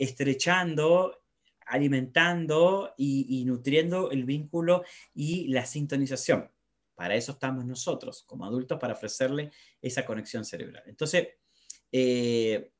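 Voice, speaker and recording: Animated man talking on parenting. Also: mid-range voice. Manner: animated, with many tag questions. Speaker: psychologist. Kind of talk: conversational talk on parenting.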